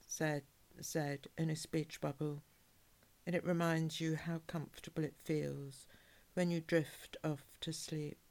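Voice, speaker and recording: A woman guiding a relaxation hypnosis in a calm, measured, soothing way, with soft, breathy phrase endings. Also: sits low. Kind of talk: guided relaxation hypnosis, soothing scripted narration.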